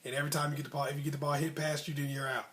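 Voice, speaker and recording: An American man with a slightly high voice tells a personal story very fast in slangy, animated speech, acting out bits of childhood dialogue. As a storyteller host, he speaks over a noisy background.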